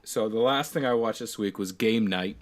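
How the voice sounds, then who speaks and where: A young man co-hosting a casual podcast, his voice sitting low. He talks bluntly and jokily, cursing freely as he riffs on movies. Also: normal speed. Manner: blunt, swears freely, jokey. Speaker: podcast co-host. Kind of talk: casual chat.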